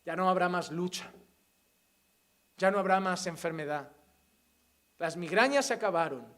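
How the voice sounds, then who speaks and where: A young man preaches with fervor. His sermon swings between hushed, sorrowful passages and soaring, shouted proclamations. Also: high-pitched, moderate pace.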